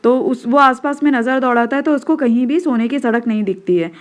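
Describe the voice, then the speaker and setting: Indian woman, school teacher, slightly high voice, patient classroom explainer, mixes Hindi and English. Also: fairly quick. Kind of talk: explaining a textbook lesson.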